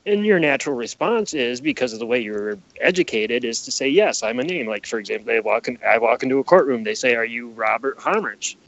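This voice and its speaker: He talks a little fast with hardly any pauses, animated and somewhat bright in a mid-range voice. A podcast guest, he emphatically explains his conspiracy-leaning ideas, echoing key phrases and posing rhetorical questions, on a dull, lo-fi recording.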